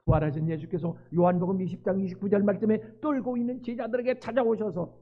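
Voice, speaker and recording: A male pastor preaching a sermon, moving from hushed pleading to loud, fervent cries. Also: sits high, steady tone, fast. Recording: tinny phone-like sound.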